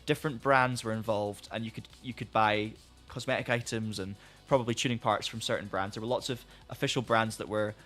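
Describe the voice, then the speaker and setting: A man's voice: lowish voice, steady tone, a little fast, hardly any pauses, fairly bright tone, soft background music. Rambling male streamer losing his voice. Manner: rambling, friendly, many restarts. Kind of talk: casual live-stream chat.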